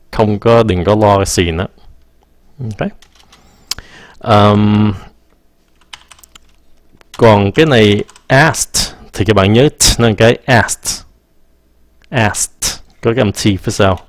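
A man teaching English pronunciation casually, answering viewer questions, stretching words out slowly and laughing at his own slips. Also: on the low side, no echo. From Vietnam. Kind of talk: casual live-stream English lesson.

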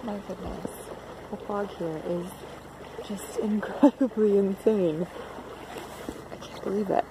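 A woman in her thirties chatting to a handheld camera on a sailboat, excited and laughing easily. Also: mid-range voice, slow pace, pauses often. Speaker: sailing vlogger. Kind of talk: casual vlog narration. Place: on a sailboat on a foggy lake and in the cabin. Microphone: handheld action camera at arm's length. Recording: camera audio with wind and water noise.

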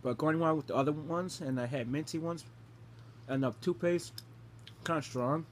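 A man's voice: a little high, moderate pace. A young adult man chatting casually to the camera as he hosts a taste challenge, eating gross jelly beans. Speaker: vlogger hosting a taste challenge. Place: small bedroom indoors. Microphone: phone camera at arm's length. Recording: noisy home phone-camera recording.

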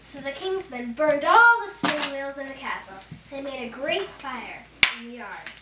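Girl reading a storybook, high voice, slips and restarts, echoey room, far from the mic, loud dish clatter. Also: lively intonation, normal speed, heavy background noise. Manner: reads with small slips and restarts.

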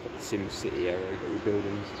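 A young English vlogger rambles casually in a low-key, musing way while filming outdoors on an open hillside temple ground. He talks fast with little pitch movement. The camera sits at arm's length or propped nearby, giving muffled outdoor audio with ambient noise.

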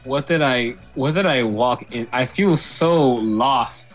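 A man's voice: medium pitch, takes it slowly, soft background music. A young man asking bewildered, protesting questions as he chats with friends over a video game. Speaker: let's play gamer. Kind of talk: casual chat while playing a game.

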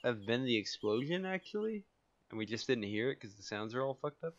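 A man's voice: mid-range voice, sing-song, fairly quick, no room sound, highs cut off. A man in casual voice chat during an online shooter, calling out enemies and laughing nervously. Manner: jittery, laughs often, calls out positions. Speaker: gamer.

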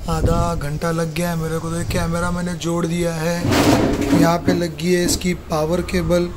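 A man's voice: fairly high pitch, monotone, normal speed, loud music behind the voice. A man casually walking viewers through a camera setup step by step in a phone repair workshop, talking to them like friends. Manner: chatty, addresses viewers as brother, step-by-step. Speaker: mobile repair technician. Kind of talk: casual how-to walkthrough. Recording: noisy room with street traffic.

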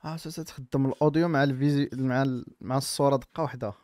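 Man, Moroccan accent, streamer, reaction commentary, very fast, dry sound. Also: mid-range voice, fairly even intonation, a little mellow, dry recording. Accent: Moroccan Arabic. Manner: rapid offhand remarks.

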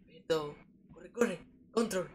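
A woman's voice: on the low side, slow, a little mellow. A woman chatting casually over a video game and reading its dialogue aloud.

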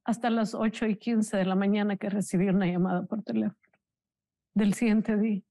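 A woman giving an emotional, halting personal testimony in an interview, earnest and religious. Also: mid-range voice, fairly even intonation, warm tone, dry recording. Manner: emotional, slow, halting storytelling. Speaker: interview guest, bereaved mother.

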